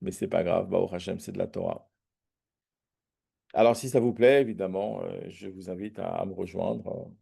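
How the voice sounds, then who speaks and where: A man's voice: sits low, steady tone, moderate pace, gravelly, mellow, husky. A man teaching a Talmud lesson, reading each phrase and then translating and explaining it. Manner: hesitant fillers and restarts.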